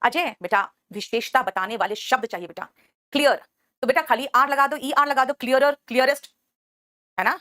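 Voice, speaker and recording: Hindi-speaking woman teacher, high voice, very dry sound. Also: fairly quick, a bit bright, no echo. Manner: explains patiently, calls students by name and "beta", asks "right?" often. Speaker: English grammar teacher. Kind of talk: online class lesson.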